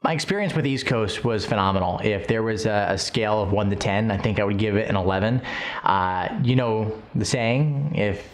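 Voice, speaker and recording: A man giving a customer testimonial, speaking in halting, pausing phrases. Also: lowish voice. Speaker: satisfied customer.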